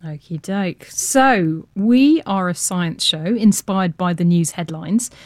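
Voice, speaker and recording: A woman's voice: lowish voice, slow, dry recording, clean studio sound. A woman presenting a radio science show in an informal, playful, chatty way.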